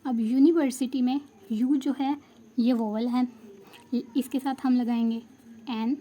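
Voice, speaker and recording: Female grammar teacher, fairly high, soft warm tone, patient explainer. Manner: patient, checks understanding, mixes Hindi and English. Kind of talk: explanatory lesson.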